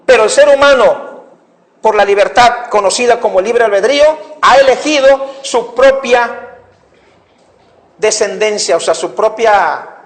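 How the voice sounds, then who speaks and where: A man's voice: extremely high pitch, unhurried. A man preaching a sermon to his congregation, repeating his points for emphasis and calling them brothers. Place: church.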